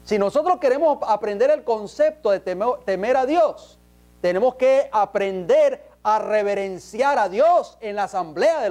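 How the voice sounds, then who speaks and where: A man's voice: high voice, mellow. A man preaching an emphatic sermon in a church, peppering the congregation with rhetorical questions.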